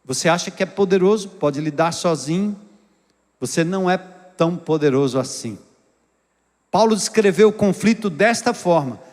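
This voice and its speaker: A man with a Brazilian Portuguese accent preaches a sermon in a high, expressive voice. He poses rhetorical questions and drops suddenly into quiet, low passages. The sound carries the long reverb of a church hall. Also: normal speed. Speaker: pastor.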